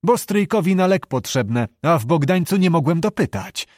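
A man's voice: on the high side, animated, normal speed, a little mellow, dry recording, clean studio sound, voice pushed up. A man voicing an earnest, heartfelt young knight.

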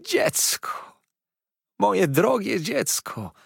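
A warm, motherly old housekeeper cries out in tearful delight, voiced by a man reading the story aloud. Her exclamations come slowly and with swooping emphasis. The voice is a bit husky and sits dry and close to the mic. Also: mid-range voice, wildly swooping pitch, dry recording, exaggerated voice. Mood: overjoyed, tearful. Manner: exclaiming, choked with emotion. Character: tearful joyful older housekeeper woman, motherly.

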